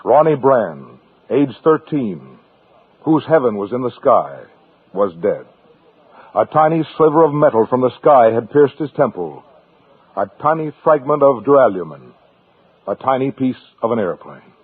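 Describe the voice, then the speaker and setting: A man narrating a radio documentary in a solemn, measured way. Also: mid-range voice, big pitch swings, breathy edge. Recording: tinny lo-fi old radio recording.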